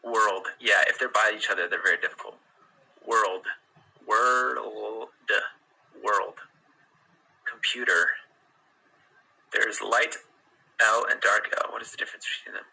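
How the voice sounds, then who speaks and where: Casual American male pronunciation coach, low husky voice with a bright edge, repeats words slowly. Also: low-quality recording. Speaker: pronunciation teacher.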